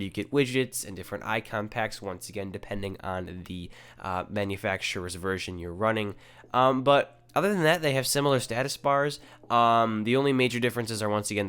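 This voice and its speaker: A young man from Michigan, his voice nasal and stuffed up from a cold, but still low and smooth. He walks through a tech comparison in a loose, easygoing way, full of ums and kindas. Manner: relaxed, filler-heavy, says kinda a lot. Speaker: tech video host. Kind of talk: casual tech review narration.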